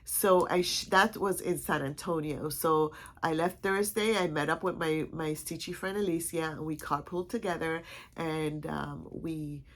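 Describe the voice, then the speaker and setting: A woman vlog host with a deep, stuffy, congested voice chats casually at normal speed in a steady tone. She rambles, restarting sentences often and leaning on fillers.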